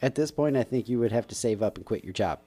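A man's voice: mid-range voice, animated, fast, dark tone, faint music behind. A man co-hosting a podcast, chatting casually and cracking jokes as he runs the segments. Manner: jokey, teasing. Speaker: podcast co-host. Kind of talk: casual chat.

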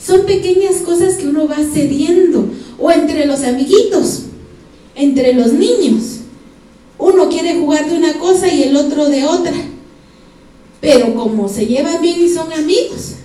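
A woman's voice: high voice, measured pace, dark tone. A woman with a Guatemalan Spanish accent preaching a sermon in a church, speaking straight to the congregation and asking them for examples. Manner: addresses the congregation directly, asks them for examples. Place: church sanctuary. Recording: echoey church hall from far off.

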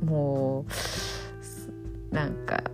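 A woman in her fifties speaking in Okayama dialect, talking in a relaxed, reflective solo chat with many soft fillers. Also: rumbling low, drawn-out words, vocal fry, lo-fi sound, music in the background. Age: 50s. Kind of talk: casual solo monologue.

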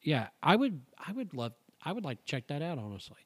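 A man's voice: on the high side, big pitch swings, brisk, fairly bright tone, breathy edge. A man hosting a casual podcast, reading out stories and thinking aloud in a rambling, jokey way. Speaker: podcast host.

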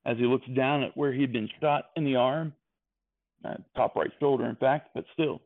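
A beaten-down, wisecracking cop hero, as a man puts him on, grumbling his way through a world-weary speech. The voice sits in a middle pitch. It comes through a tinny, phone-like line. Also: fairly even intonation, moderate pace, lightly acted.

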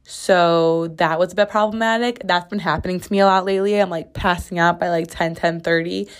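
In a loose, chatty solo podcast, a young woman rambles along fairly quickly, dropping "like" constantly. Her lowish voice stays steady in tone and sounds slightly raspy, still recovering after she lost it, and she's recording from her bathroom at home.

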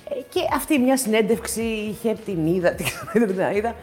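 A woman's voice: mid-range voice, animated, darkish tone, big-room sound, faint music behind. A woman actress as an interview guest, telling stories animatedly with many hesitations. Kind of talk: casual interview storytelling.

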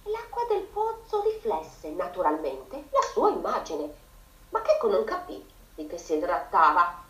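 A teacher, a woman, reading a children's story aloud on radio with a very expressive voice. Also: lowish voice, a little slow, reverberant, poor audio.

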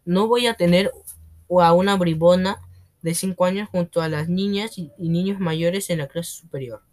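A man's voice: high voice, moderate pace, darkish tone, natural voice. A man voicing a domineering, scornful headmistress who roars and bullies in a storybook reading. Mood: scornful, bullying. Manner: roaring, contemptuous, bossy. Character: bullying domineering female headmistress, booming and scornful.

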